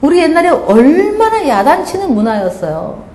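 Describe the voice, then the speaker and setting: A woman's voice: sits high, moderate pace. A middle-aged woman pastor giving a sermon, telling stories and acting out scolding voices. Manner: animated storytelling, acts out scolding voices. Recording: echoey hall, faint background noise.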